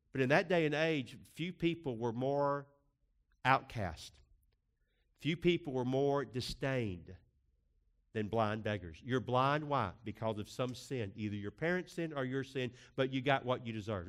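A man preaching a sermon as a pastor, emphatic, with rhetorical questions and swings in pace. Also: medium pitch.

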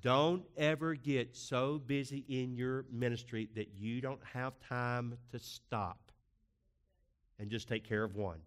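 A man's voice: medium pitch, fairly even intonation, takes it slowly. A man preaching a sermon as a pastor, emphatic, with rhetorical questions and swings in pace.

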